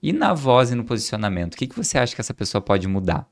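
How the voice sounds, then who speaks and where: A man's voice: medium pitch, sing-song, fast talker. A man hosting an interview podcast, a doctor explaining his work and acting out what patients and students tell him. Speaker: podcast host, aesthetics doctor. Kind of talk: conversational interview.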